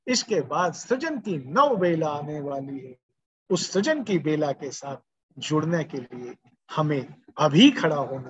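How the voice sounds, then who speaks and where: A man's voice: on the high side, husky. An older man giving a spiritual discourse, repeating his calls to rise in chant-like refrains. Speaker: spiritual speaker. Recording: dull lo-fi recording.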